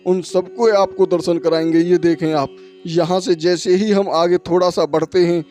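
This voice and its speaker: A man's voice: high voice, steady tone, moderate pace, a little mellow, faint music behind. A man narrating a devotional travel vlog outdoors on a muddy road in the rain, speaking urgently to his viewers as friends. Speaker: pilgrimage vlogger.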